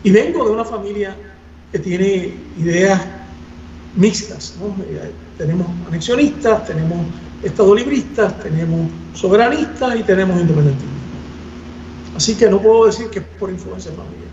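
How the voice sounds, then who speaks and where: A man's voice: high-pitched, darkish tone. Man lecturing from far off. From Puerto Rico. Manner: measured, thoughtful, frequent hesitations. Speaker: guest lecturer. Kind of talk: academic seminar answer. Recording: distant roomy muffled recording with faint noise.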